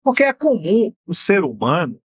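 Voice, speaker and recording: A man's voice: high-pitched, huge pitch swings, normal speed. A Brazilian man with a Bahian accent hosting a TV program, explaining in a didactic way and asking rhetorical questions. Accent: Brazilian Portuguese, Bahian. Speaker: TV show host and mentor. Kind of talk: explanatory TV talk on finance. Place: TV studio.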